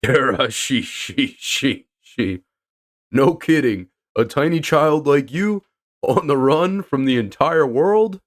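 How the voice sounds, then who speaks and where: A man voicing a big, gentle old male giant who speaks lower and quieter, with a slow chuckling laugh. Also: lively intonation. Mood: fond.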